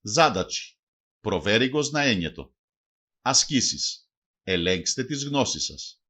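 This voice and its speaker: A man reading a language lesson aloud, slowly and carefully going through lists of words and their meanings. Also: medium pitch, big pitch swings, sharp tone. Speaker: language teacher. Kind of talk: read-aloud vocabulary lesson.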